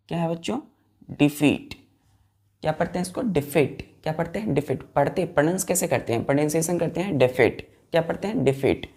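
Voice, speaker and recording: A woman with a deep, gravelly, mellow voice gives a classroom-style vocabulary lesson to children. She spells each English word letter by letter, mixes in explanations in Hindi, and keeps asking the kids to say the words back.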